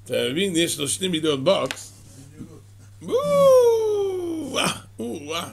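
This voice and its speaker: A man telling a moral parable to a listener in lively storytelling, with sighs and asides. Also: on the high side, creaky, breathy edge.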